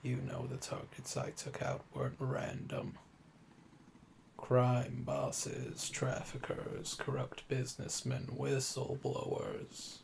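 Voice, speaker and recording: A male actor plays a calm, flirtatious yandere assassin in custody for roleplay audio and intimate ASMR, smug and menacing. His mid-range voice is gravelly and heavy with vocal fry, often sinking into a breathy murmur, and his mood is smug and insistent. He speaks in a slow, seductive, teasing drawl full of pet names, yet the delivery is completely flat, with noisy ambience behind him.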